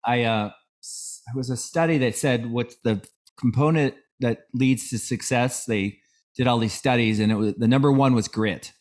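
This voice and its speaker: A middle-aged man hosting a podcast, speaking at a mid pitch for a man. He talks in a reflective, conversational way and warmly affirms his guest's points. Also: moderate pace. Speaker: podcast host. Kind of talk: casual podcast interview.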